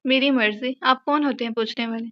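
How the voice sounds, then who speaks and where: A woman voicing a stubborn young wife in an audio novel, answering back in sharp, reproachful retorts. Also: fairly high pitch, fairly even intonation, fairly quick, muffled recording, close to an everyday voice. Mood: defiant.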